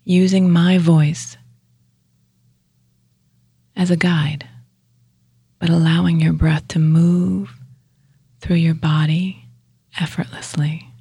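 A low-pitched, flatly delivered voice belongs to a woman guiding yoga nidra, hushed and breathy with a husky edge that nears a whisper. She leaves pauses between her short phrases, captured on a dry recording.

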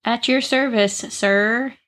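A woman's voice: a little high, fairly even intonation, a bit bright. A woman putting on a robot voice, playing a stiff, formal butler robot. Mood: stiffly polite. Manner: slow, measured robotic delivery.

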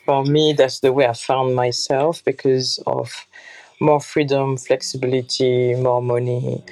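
A woman's voice: a bass voice, little pitch movement, unhurried, darkish tone, poor audio. A woman in her thirties from France, speaking English with a French accent as a podcast guest and piecing her sentences together loosely as she goes. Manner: loose, unpolished phrasing as she thinks aloud. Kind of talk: casual interview talk.

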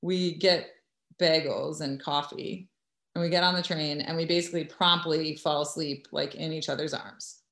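A woman from New York telling a lively story in casual chat, acting out what others said. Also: low voice, moderate pace, gravelly. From United States. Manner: animated, acts out quoted voices. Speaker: guest. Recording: echoey room.

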